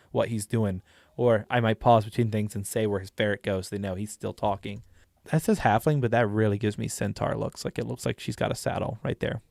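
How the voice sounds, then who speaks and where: A man's voice: lowish voice, vocal fry, a little mellow, no echo, studio quality. A young man hosting a casual tutorial, chatty and demonstrative with lots of fillers. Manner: chatty, demonstrative, lots of likes and you-knows. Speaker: YouTube host and dungeon master.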